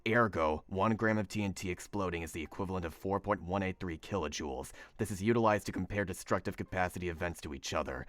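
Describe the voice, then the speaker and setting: A man voicing a brooding, gravelly male vigilante, reading a text in a low, gruff growl. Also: fast talker, few pauses, fairly bright tone, no echo.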